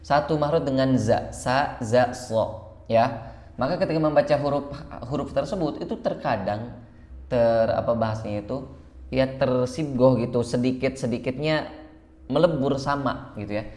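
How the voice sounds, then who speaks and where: A man with an Indonesian accent teaching Quran recitation, switching between slow drawn-out chanting and quick spoken explanations. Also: mid-range voice, darkish tone, reverberant. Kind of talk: online recitation lesson.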